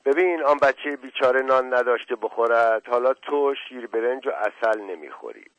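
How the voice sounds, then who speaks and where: A man's voice: mid-range voice, expressive, fairly bright tone, no room sound, dull audio, pitched above the performer's own voice. A man reading the lines of a worried young mother pleading with her family, in a radio story reading. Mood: scolding. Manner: earnest, pleading.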